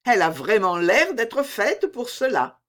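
Une lectrice qui fait une jeune dame d'honneur rieuse et taquine, dans un roman lu à voix haute. La voix monte nettement au-dessus de la narration et bondit d'une note à l'autre. Le débit reste posé et lent. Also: female voice, fairly high pitch, big pitch swings, measured pace, fairly bright tone, pitched above the performer's own voice. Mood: teasing. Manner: mocking, playful. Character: lively teasing young lady-in-waiting.

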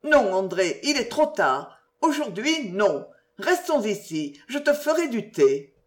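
A woman's voice: on the high side, sing-song, slow, voice pushed up. A reader putting on a young woman in love, tender, trembling and near tears, in a storybook reading. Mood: tendre et mélancolique.

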